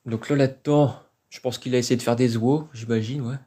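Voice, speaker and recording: This man's mid-range voice is mellow and husky, steady in tone and fairly quick. Holding a phone, he offers casual, hesitant live-stream commentary from an abandoned outdoor site, thinking aloud as he goes.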